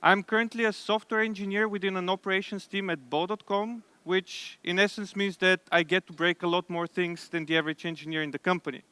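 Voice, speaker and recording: A young man from Bulgaria, giving a conference tech talk from the stage in a steady way, now and then correcting himself. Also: sits high, brisk, few pauses, clear, resonant tone, no room sound. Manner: steady presenter, occasional self-corrections. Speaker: conference speaker.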